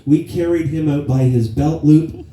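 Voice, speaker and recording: A man's voice: a little high, a little slow, recorded from a distance, background noise. Man in his fifties, echoey hall eulogy. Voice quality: plainspoken, casual with swearing. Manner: storytelling with laughs and acted quotes. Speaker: son giving a eulogy. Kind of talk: eulogy speech. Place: memorial gathering in a hall.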